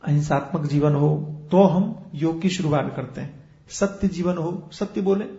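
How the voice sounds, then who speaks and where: A man's voice: on the high side, a little slow, warm tone, reverberant, highs cut off. A man who is a spiritual teacher, giving a discourse and explaining with everyday examples and rhetorical questions.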